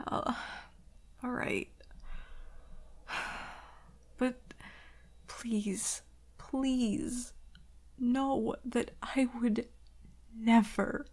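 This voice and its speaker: Heavily acted and fairly high-pitched, a woman plays a scared, pleading werewolf girlfriend in an intimate ASMR roleplay. The character is anxious and vulnerable, and her soft, hesitant voice stammers and often drops into breathy whispers.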